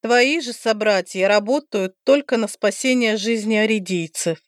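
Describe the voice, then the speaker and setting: A woman voicing a proud, stern female goddess of death who speaks slowly and emphatically. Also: mid-range voice, no echo, studio quality, lightly acted. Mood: stern, imperious. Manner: commanding, slow and emphatic. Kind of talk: audiobook character voicing.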